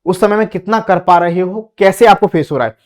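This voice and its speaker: Male exam-coaching teacher, high voice, repetitive coaxing delivery. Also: brisk. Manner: repetitive, coaxing, calls listeners beta. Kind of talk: motivational exam-prep lesson.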